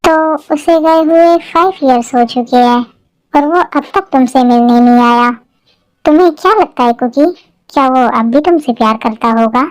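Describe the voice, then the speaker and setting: A woman's voice: high-pitched, moderate pace, clean tone, no room sound, lightly acted. Woman voicing an outspoken young friend. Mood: probing. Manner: outspoken, pushy. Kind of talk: fan-made dubbed drama.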